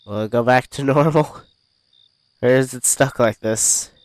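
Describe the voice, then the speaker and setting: A man giving casual let's-play commentary on a music game, relaxed and hesitant with many fillers. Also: medium pitch, unhurried, dry recording. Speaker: gaming YouTuber. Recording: music playing behind the voice.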